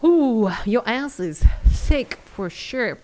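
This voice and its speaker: A woman's voice: a little high, animated, slow, a little mellow. A woman streamer chatting with her viewers while she plays, giggling, swearing and easily distracted. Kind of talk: live-stream game commentary.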